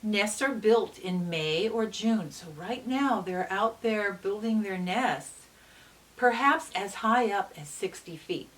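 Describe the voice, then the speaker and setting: In a medium-pitched voice, a female teacher does an educational read-aloud for kids, explaining along the way. Her phrasing is careful and instructive, leaning on important words, captured by a distant microphone carrying a faint hiss.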